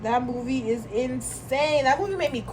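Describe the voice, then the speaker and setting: This vlogger, a young Nigerian woman, talks loosely and at length, mixing in slang and quick laughs in a voice pitched a little high. Distinct background noise sits under the home-recorded audio.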